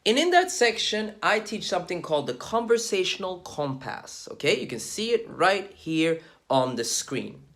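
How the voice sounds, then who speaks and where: A young man who is a dating coach, talking casually to camera in an energetic, slangy, emphatic way. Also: sits high, moderate pace, hardly any pauses. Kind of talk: casual vlog talk to camera.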